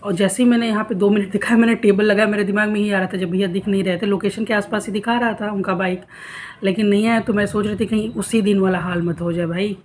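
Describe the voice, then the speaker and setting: A woman chats into her camera at home, telling everyday stories and acting out her husband's remarks in quick bursts. Her pitch sits in a middle range. Faint street noise from outside comes through behind her voice. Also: steady tone, a little mellow. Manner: chatty storytelling, acts out husband's quoted lines. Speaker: vlogger. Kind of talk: casual vlog chat. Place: home room facing a noisy street.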